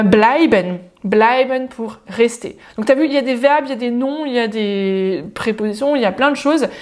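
A woman giving a casual, spontaneous spoken lesson, chatting informally with the viewer and slowing down to say German example phrases. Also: a little high. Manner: addresses the viewer informally, jokes. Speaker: German teacher.

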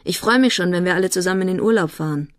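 A woman's voice: fairly low pitch, rapid-fire, dry recording, studio quality, lightly acted. A woman reading the lines of a teasing teenage boy in an audiobook.

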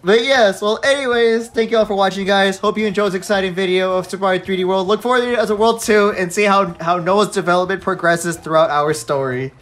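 A man's voice: high-pitched, fast, hardly any pauses, fairly bright tone. A man hosting a co-op game let's play in casual chat, laughing often and wrapping up the episode.

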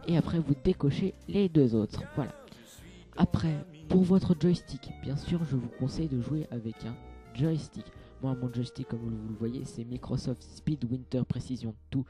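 A man's voice: medium pitch, a little slow, mellow, faint music behind. A young man giving a casual, hesitant game tutorial, full of fillers and restarts. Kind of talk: casual screen-capture tutorial.

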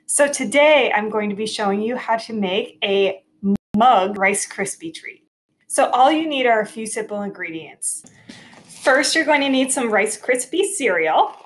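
Recorded by a laptop across the counter, the same thirtysomething teacher leads children through a step-by-step home cooking demo with cheerful, clear instruction. She speaks at a measured pace in an expressive voice on the high side.

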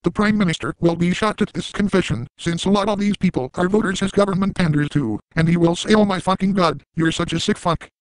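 A man's voice: high-pitched, a little fast, few pauses, dry recording, close to an everyday voice, low-quality recording. A man voicing a crude, unhinged middle-aged cartoon dad in a comedic parody monologue. He rambles and keeps repeating silly sound effects. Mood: manic boasting.

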